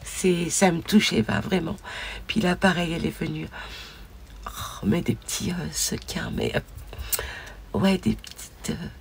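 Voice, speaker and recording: A woman vlogger opening crafted mail, gushing over each piece and often dropping to a soft whisper. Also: fairly low pitch, lively intonation, unhurried, vocal fry, pauses often, slight background noise. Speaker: scrapbooking vlogger. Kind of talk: casual mail-opening vlog.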